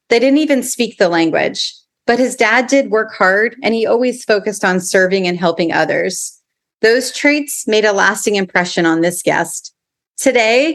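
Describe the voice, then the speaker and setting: A woman hosting a podcast, reading a prepared introduction and then chatting in a bright, upbeat way. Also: medium pitch. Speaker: podcast host. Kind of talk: scripted intro, then casual interview.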